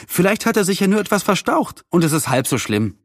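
A man voicing a brisk, practical and caring mother in a storybook reading, a little reproachful. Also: sits high, sing-song, dry recording, clean studio sound, voice pushed up.

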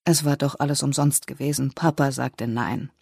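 A narrator reading a novel in a calm, measured manner. The voice is dark and gravelly with a husky edge, recorded close and dry. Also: medium pitch, no echo. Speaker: audiobook narrator.

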